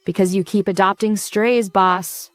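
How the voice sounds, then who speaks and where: A woman voicing a tiny, bratty girl genius hacker who talks flatly and deadpan. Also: medium pitch, a little slow, no room sound, lightly acted. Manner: flat, deadpan.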